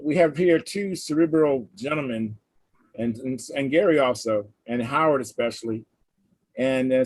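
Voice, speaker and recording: Man, mid-pitched, livestream host, halting casual chat, very dry recording. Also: no echo. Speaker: host of a hobby livestream hangout. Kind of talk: casual chat, reading out viewer comments. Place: live online video hangout.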